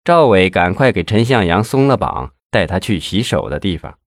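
A man narrating a crime novel in a lively storytelling manner. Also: low-pitched, moderate pace, no echo, clean studio sound. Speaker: audiobook narrator. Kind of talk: scripted narration.

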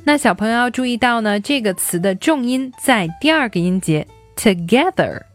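A woman teaching young children simple English phrases, explaining words and repeating them slowly for practice. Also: fairly high pitch, lively intonation, soft background music. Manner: slow, drilled repetition of English words.

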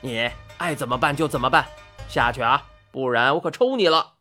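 A woman voicing a rude, bullying male cart driver who talks gruffly and scornfully. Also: very deep voice, brisk, pushed and bright, faint music behind, pitched below the performer's own voice. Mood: rough, scornful.

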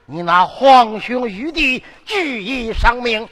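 A stern, mocking old king, played by a woman in a traditional stage opera, declaiming with a Henan accent. The voice sits high, bright and ringing, with lively swings in pitch. The lines come slowly and theatrically. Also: exaggerated voice. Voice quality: sing-song, loud stagey declaiming. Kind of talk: traditional local opera, spoken and sung.

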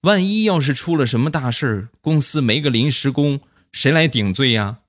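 Sly, cynical office boss in a comic monologue, smooth-talking and persuasive, played by a man. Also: medium pitch, expressive, moderate pace, voice pushed up, close to an everyday voice. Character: cynical male boss persuading an intern to stay.

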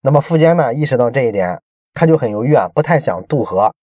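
A man's voice: mid-range voice, animated, fast, dark tone, slightly rough, no room sound. A man explaining a book in a chatty storytelling way, with many rhetorical questions to the listener. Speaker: book commentator.

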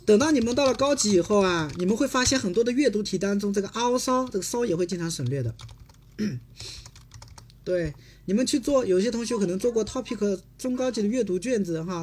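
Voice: medium pitch, a little hiss or hum. A Korean language teacher from China giving a livestream lesson. The teacher constantly asks the audience tag questions and switches between Chinese and Korean example sentences.

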